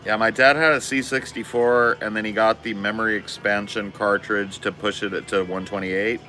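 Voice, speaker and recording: A man in his forties, a streamer reading his chat, talks casually on a live stream in a laid-back, slangy way, swearing often. His voice is lowish and steady at a normal speed, pushed and bright, with soft music playing behind him.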